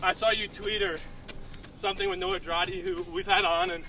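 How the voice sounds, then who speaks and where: A man's voice: high-pitched, very animated, normal speed, vocal fry, pushed and bright. A man hosting a casual interview outdoors while he runs along. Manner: talking while running. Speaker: interview host. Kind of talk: casual chat. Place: outdoors on a run. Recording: distant mic, faint outdoor noise.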